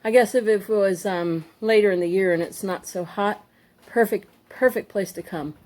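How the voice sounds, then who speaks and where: A woman's voice: mid-range voice, normal speed, a little mellow. A woman, out of breath, chatting casually on a hiking trail. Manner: chatty, rambling with fillers. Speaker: hiking vlogger. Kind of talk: casual vlog chat.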